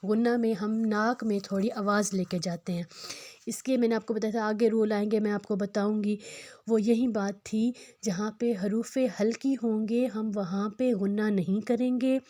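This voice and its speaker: A woman teaches Quran recitation, explaining rules quickly and stretching the recited words slowly and louder. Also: medium pitch, fairly even intonation, dry recording.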